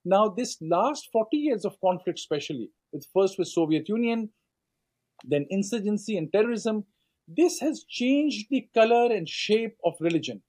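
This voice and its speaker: An author and scholar, a middle-aged man with a Pakistani accent, gives long, measured, lecturing answers, animated yet pausing on fillers and restarting phrases. His voice is high for a man but has a dark, mellow tone.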